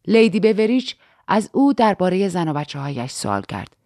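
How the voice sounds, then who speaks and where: A woman narrating an audiobook novel in a calm, measured, slow reading voice. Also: on the low side, no echo, clean studio sound. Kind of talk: scripted narration.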